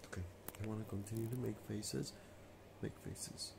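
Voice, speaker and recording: A man's voice: on the low side, fairly even intonation, normal speed, vocal fry, background noise. A man vlogging in a casual, playful way, teasing and joking with a child indoors. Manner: teasing and joking, laughs often. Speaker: YouTube vlogger filming with a child. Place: indoors in a messy room.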